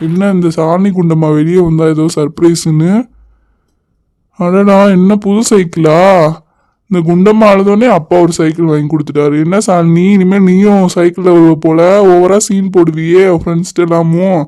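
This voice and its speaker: A man's voice: high-pitched, fairly even intonation, moderate pace, warm tone, natural voice. A man doing a cheeky teasing schoolboy. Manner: teasing, singsong. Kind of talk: storybook doll-play acting.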